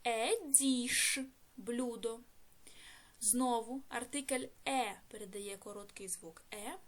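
A woman's voice: on the high side, slow. A woman teaching beginners English, spelling out letters and sounds and translating each word. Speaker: language teacher.

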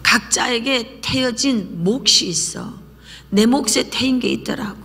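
A woman pastor preaching a lively sermon, often dropping into a whisper and having the congregation repeat after her. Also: fairly high pitch, a little slow, gravelly, a little hiss or hum. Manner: lively preaching, drops to whispers and calls for repetition. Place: church sanctuary. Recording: church hall reverb.

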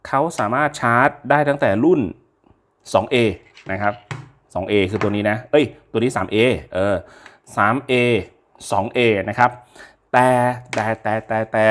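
Guy doing a laid-back gadget review, talks right at the viewers, lots of pauses and "wait, no" fixes. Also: medium pitch, slight background noise. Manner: chatty and unhurried, with hesitations and self-corrections. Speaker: product reviewer. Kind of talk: casual product review to camera.

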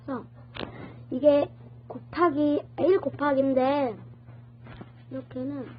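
A woman with a sped-up, voice-changer effect, politely and haltingly explaining an app step by step in a casual tutorial. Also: little pitch movement. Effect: voice changer, sped-up high-pitched voice. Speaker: tutorial host. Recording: muffled lo-fi phone recording, faint noise, clicks.

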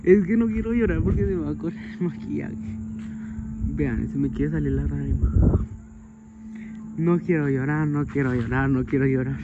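Male comic as a sentimental, vain young woman; bashful comedy vlog character, recorded on a street with loud ambient noise. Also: fairly high pitch, moderate pace, pauses often, close to an everyday voice. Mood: teary. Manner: gushing, self-admiring, keeps saying how embarrassed she is. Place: outdoors on a street by a shop. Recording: dull lo-fi with loud outdoor noise.

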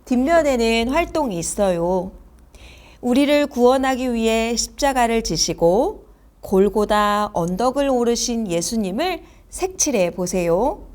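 A woman's voice: a little high, animated, measured pace, a little mellow. A woman narrating a children's craft lesson in a simple, sing-song manner aimed at toddlers, like a Sunday school teacher.

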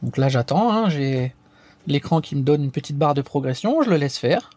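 A man's voice: fairly high pitch, animated, moderate pace, a little mellow. A man hosting a casual step-by-step tech tutorial, talking hesitantly with frequent fillers and restarts.

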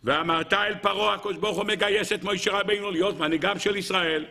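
A man, a rabbi, giving a weekly Torah lesson, asking rhetorical questions over and over and answering them himself, and addressing his listeners as gentlemen. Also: creaky. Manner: animated, swings between high and low.

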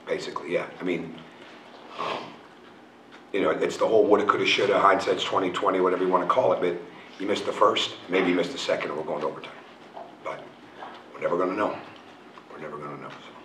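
Low-voiced coach at a press conference. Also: male voice, fairly even intonation, quick pace, long pauses, a bit bright, a little hiss or hum. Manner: frank, repetitive, restarts phrases. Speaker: college basketball coach. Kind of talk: post-game press conference answers. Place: press room in front of a logo backdrop. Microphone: table mic on a stand. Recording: roomy, picked up from a distance.

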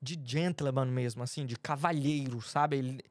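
A man from Brazil, a podcast guest, telling stories in a casual, animated, slangy way. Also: medium pitch, moderate pace, no echo. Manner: animated, acts out quoted dialogue, slangy. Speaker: podcast guest, design lead. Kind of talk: casual storytelling chat.

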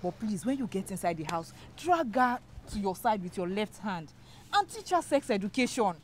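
A woman's voice: mid-range voice, big pitch swings, normal speed, a little hiss or hum, natural voice. An actress playing a Nigerian neighbour with a Yoruba accent who soothes a furious mother and lectures her on parenting. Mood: lecturing. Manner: pleading, then lecturing. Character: calm, preachy neighbour woman.

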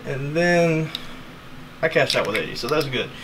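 Holding his camera at arm's length in a small cabin, a young man vlogs casually in a rambling, self-deprecating way. His voice is slightly high and animated at a normal speed, and the background is noisy.

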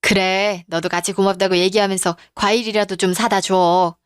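A woman's voice: medium pitch, level tone, normal speed, clear, resonant tone, no room sound, clean studio sound, natural voice. A woman voicing a caring older mother who talks in a fussing, motherly way.

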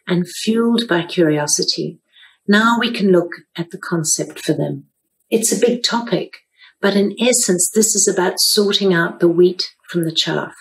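An older woman giving a storytelling lesson as a speaker and author, with measured, clear explanations. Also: fairly low pitch, a bit bright, rough recording.

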